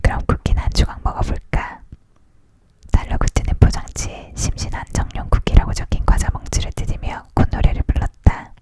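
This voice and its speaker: Unvoiced whisper, leaning in, ASMR storybook reading, soft narrator delivery. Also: brisk. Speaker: audiobook reader.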